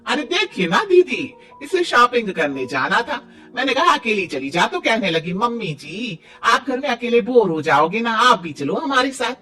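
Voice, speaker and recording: A woman's voice: a little high, big pitch swings, moderate pace. A woman voicing a cheerful, easygoing older mother-in-law in a cartoon story. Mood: friendly. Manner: warm, laughing, easygoing. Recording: distant mic, faint music.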